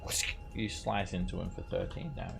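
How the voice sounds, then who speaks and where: A man's voice: low voice, steady tone, moderate pace, vocal fry. A man casually narrating a tabletop fantasy game as game master. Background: music.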